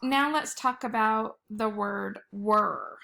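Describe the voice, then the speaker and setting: A woman's voice: medium pitch, slow, creaky, sharp tone. A woman teacher giving a recorded spelling lesson from home, patiently sounding out letters and words. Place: home at night.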